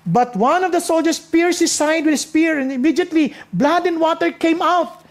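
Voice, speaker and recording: A man with a notably high-pitched voice delivers an impassioned sermon. His pitch leaps and drops for emphasis, and he slows to a deliberate pace when reading scripture aloud. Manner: mixes speech with quoted Bible verses read slowly. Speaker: preacher.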